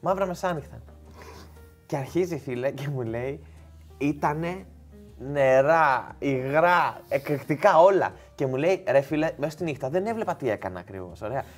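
A man telling a long funny story in casual chat, animated and quick to laugh. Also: a little high, soft background music.

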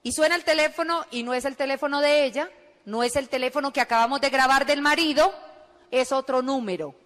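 A woman telling her own story to an audience, animated and self-mocking, acting out the voices of others. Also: sits high, a little fast. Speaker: speaker sharing a success story. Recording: echoey hall.

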